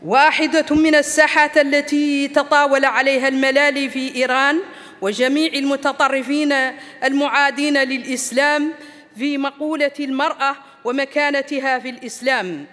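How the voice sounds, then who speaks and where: A woman's voice: high-pitched, steady tone, brisk, a bit bright. A middle-aged woman from Mauritania, a former parliamentarian, giving an emphatic formal speech from notes at a lectern in a large banquet hall. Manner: emphatic, rousing oratory. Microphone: lectern microphones. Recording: reverberant hall.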